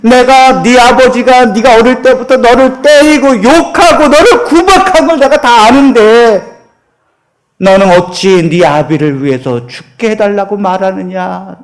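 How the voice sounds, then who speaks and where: A man voicing a solemn male grim reaper spirit in a folk tale, speaking in slow, grave pronouncements. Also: sits high.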